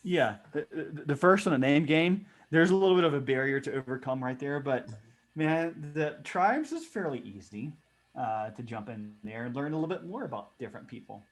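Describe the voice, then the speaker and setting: A man's voice: fairly high pitch, animated. Man leading a casual online workshop. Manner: halting, with many fillers and restarts. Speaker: workshop facilitator. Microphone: video call.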